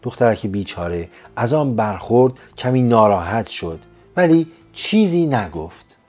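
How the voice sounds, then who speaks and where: Male storyteller with soft music. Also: on the low side, expressive. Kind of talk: scripted audiobook narration. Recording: faint music behind.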